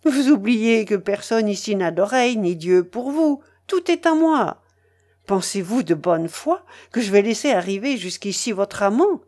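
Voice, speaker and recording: A woman reading aloud voices a fierce, sardonic male pirate, dropping her voice low and sounding threatening. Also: animated, measured pace, a little mellow. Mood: menacing. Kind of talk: dramatic reading of a novel.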